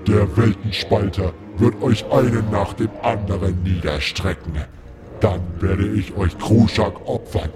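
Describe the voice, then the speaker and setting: A man as a slow, menacing undead orc shaman. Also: fairly low pitch, natural voice. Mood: grim menace. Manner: slow, menacing, grandiose, mocking. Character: ancient undead orc shaman, scornful ceremonial high priest. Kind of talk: dramatic audio story acting. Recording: loud music under the voice.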